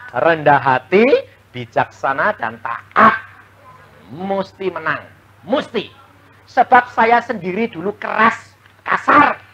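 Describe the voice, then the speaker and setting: A male pastor preaching a sermon in a folksy way, swinging from loud exclamations to hushed asides. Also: high voice. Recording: muffled old sermon recording, faint hiss.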